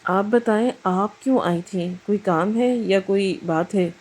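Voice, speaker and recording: A woman voicing a secretive, anxious teenage girl of about fifteen in a storybook tale, speaking quickly and evasively. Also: medium pitch, darkish tone, lightly acted, low-quality recording.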